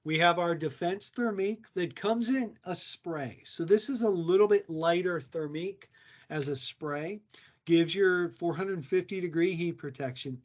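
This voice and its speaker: A man giving a conversational product training talk, explaining hair care products with frequent fillers. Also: a little high. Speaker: product educator.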